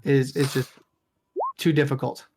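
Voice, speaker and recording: A man's voice: mid-range voice, little pitch movement, normal speed, background noise. A man narrating as game master of a tabletop game, in a casual, rambling way. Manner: casual, rambling, with many fillers.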